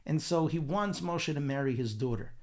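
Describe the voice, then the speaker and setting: A rabbi with a fairly high voice tells a scripture story with lively storytelling energy. He often slips into the speakers' lines, acting out their quotes. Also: moderate pace. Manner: animated storytelling with acted quotes. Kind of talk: weekly Torah portion talk.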